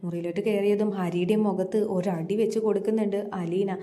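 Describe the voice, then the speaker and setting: A woman retelling a television serial episode in steady narration, relaying each character's lines as reported speech. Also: mid-range voice, brisk. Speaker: storyteller.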